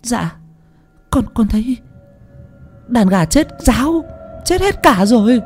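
A man's voice: extremely high pitch, big pitch swings, slow pace, a little hiss or hum, voice pushed up, exaggerated voice. A man voicing a panicked young female kitchen maid who stammers in breathless alarm. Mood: frightened.

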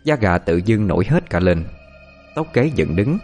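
A man giving steady, scripted narration of a ghost story. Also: fairly low pitch, moderate pace, faint music behind.

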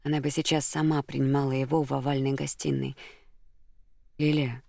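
An audiobook narrator reading a romance story as scripted narration, in a steady, even storytelling manner. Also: mid-range voice, fast talker, creaky, no room sound, clean studio sound.

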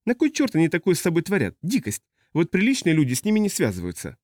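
A man voicing a nervous, prim young male customs officer with a high, fretful voice. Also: huge pitch swings, fast, a little mellow, no room sound, studio quality.

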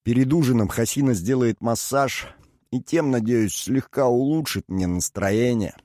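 A man's voice: mid-range voice, normal speed, warm tone, dry recording, clean studio sound, voice pushed up, lightly acted. A man voicing a proud, languid aristocrat held in prison, speaking with stoic irony. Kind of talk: audiobook character reading.

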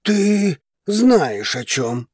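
A man's voice: high voice, sing-song, unhurried, a little mellow, husky, no room sound, studio quality, voice pushed up, full character voice. A man voicing a brooding, possessive dragon in human form, speaking in clipped, restrained tones. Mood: restrained insistence. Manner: tense, clipped, growling.

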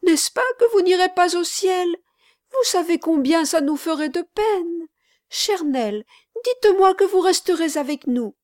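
A woman voicing a small tearful boy who begs a girl not to leave, in a high, crying voice. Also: lively intonation, a little slow, a little mellow, no echo, clean studio sound. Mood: pleading, tearful.

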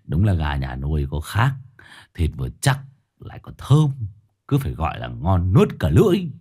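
A man voicing a greedy, loud, dim-witted young male sidekick. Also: deep voice, sing-song, moderate pace, husky, exaggerated voice. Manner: loud, chewing, boisterous.

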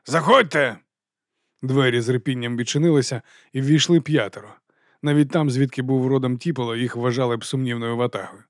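A man narrating a novel with measured, expressive storytelling. His voice sits in an ordinary middle register, recorded close and dry with no room sound. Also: medium pitch, dry recording. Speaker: audiobook narrator. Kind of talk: scripted narration.

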